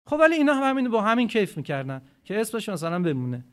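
A man giving a religious talk to a gathering, animated, swinging between loud emphatic phrases and quiet asides, and asking his listeners rhetorical questions. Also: sits high. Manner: asks the audience rhetorical questions. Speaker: preacher.

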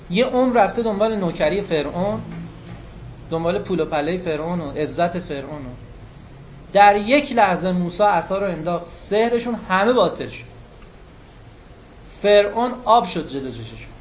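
A high-pitched man delivers an animated religious lecture, slowing down and stretching key words for emphasis. The recording is dull and lo-fi, with a faint hum of room noise behind him. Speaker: preacher.

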